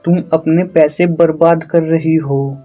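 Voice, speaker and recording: A man voicing a predatory, smug film director in a movie recap, in a steady voice. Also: a little high, unhurried, faint music behind.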